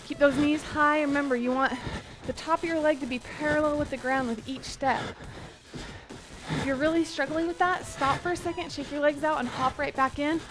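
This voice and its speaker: A young adult woman, working as an encouraging aerobics instructor, counts down and cheers people on during an outdoor workout on a covered wooden deck beside a pond. Her high voice keeps a fairly even intonation at a moderate pace, with workout music playing behind her and a noisy background.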